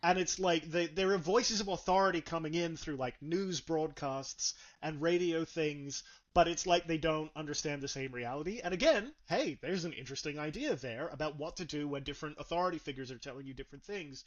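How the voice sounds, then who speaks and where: A man reviewing a film in casual chat, ranting with sarcastic, animated delivery. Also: fairly high pitch, fairly quick, hardly any pauses, dull audio.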